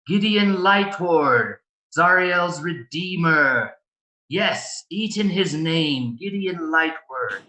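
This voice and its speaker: Tabletop game villain: ravenous undead cultist acted by a man, raised raspy voice, slow chant, roomy sound. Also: on the high side, lively intonation, bright, forceful tone, pitched above the performer's own voice, full character voice. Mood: reverent chanting. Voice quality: gravelly, raspy. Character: gravelly, ravenous undead zealot behind a door.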